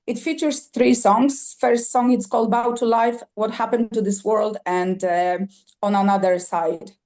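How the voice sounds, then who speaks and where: A Polish woman, a singer-songwriter appearing as a guest on a podcast interview, speaks with a slightly high, darkish voice and fairly even intonation. Polish is her first language, and her enthusiastic talk is halting, full of fillers, repeats and restarts.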